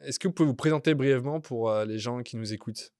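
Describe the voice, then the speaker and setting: A man hosts a relaxed podcast interview. He asks his questions haltingly, full of pauses and fillers. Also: mid-range voice, clear, resonant tone. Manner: hesitant, many fillers. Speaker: podcast host. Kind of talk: casual interview.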